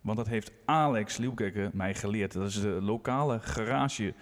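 Chatty man spinning a lively anecdote. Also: fairly low pitch, moderate pace. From Groningen, Netherlands. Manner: animated anecdote teller, acts out quotes. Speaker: podcast co-host, physiotherapist. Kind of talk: casual chat, storytelling. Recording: room with long reverb.

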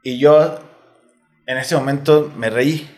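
Slow and fairly even in intonation, this mid-range male voice belongs to a former footballer from Mexico City. As an interview guest in a relaxed setting, he walks through a personal story frankly, using slang.

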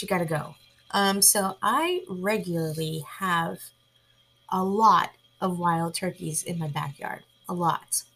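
A woman hosts a relaxed, friendly podcast in a casual chatting style. She talks with animation and a conversational bounce. Now and then she drops into a hushed whisper for an aside. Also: lowish voice, poor audio. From New York. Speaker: podcast host. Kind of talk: casual chat.

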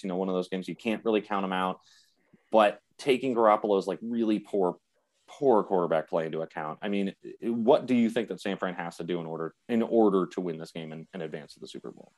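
A man's voice: deep voice, quick pace, darkish tone. A man co-hosting a podcast in casual sports chat, rambling with lots of fillers and restarts. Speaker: podcast co-host.

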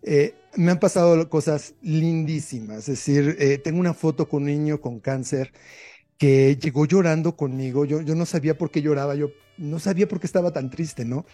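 A man's voice: a little high, moderate pace, mellow, soft background music. A man with a Mexican accent, a guest author telling stories in an earnest, reflective way during an interview. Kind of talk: interview conversation.

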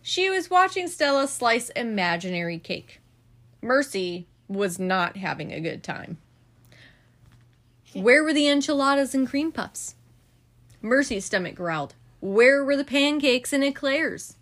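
A mother reading a picture book aloud before bed. Her fairly high voice rises and falls with lots of expression. She reads in an animated, storytelling way. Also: a little slow.

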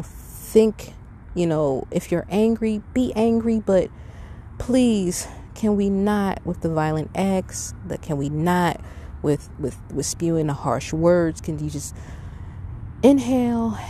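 This is a casual solo podcast monologue from a middle-aged woman whose voice is low and warm, with a faint hiss or hum on the recording. She speaks off the cuff, frankly and loosely, giving emphatic advice.

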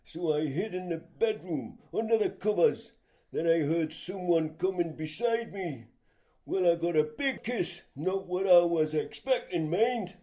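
A man's voice: high voice, lively intonation, unhurried, mellow. A man playing a cheeky man who teases his friend and tells a joking story about his first kiss.

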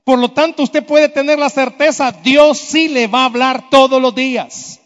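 A man's voice: very high voice, steady tone, normal speed, fairly bright tone. A man preaching a sermon in a church, emphatic, asking the congregation question after question. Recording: dull sound with long hall reverb.

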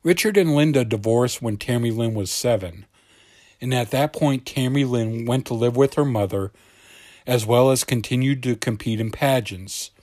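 A man's voice: medium pitch, normal speed, a little mellow, no room sound. Man narrating suspenseful true crime, dry close sound. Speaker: podcast host.

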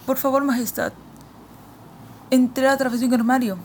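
A woman's voice: high voice, flat delivery, normal speed, voice pushed up, close to an everyday voice. A woman voicing a frightened young boy who answers hesitantly and deferentially, in an audiobook reading with a faint hiss. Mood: timid.

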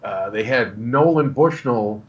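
Guy showing off collectibles, unscripted and rambly, mid pitch, bit dull lo-fi sound. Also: lively intonation, unhurried. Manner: rambling, hesitant show-and-tell. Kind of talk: natural unscripted talk.

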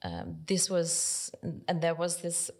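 A woman in her forties from Denmark, a podcast guest talking through her story thoughtfully, pausing often with fillers. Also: fairly low pitch, big pitch swings, a little mellow. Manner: thoughtful, hesitant with many pauses and fillers. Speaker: podcast guest, nonprofit library director. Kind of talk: reflective interview conversation.

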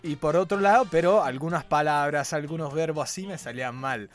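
An Italian man hosting a podcast in Spanish, chatting in a relaxed, rambling way with an Italian accent and Argentine turns of phrase. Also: on the high side, a little fast, faint music behind. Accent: Italian speaking Argentine Spanish. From Italy. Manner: relaxed, rambling, laughs easily. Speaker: podcast host. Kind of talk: casual interview chat.

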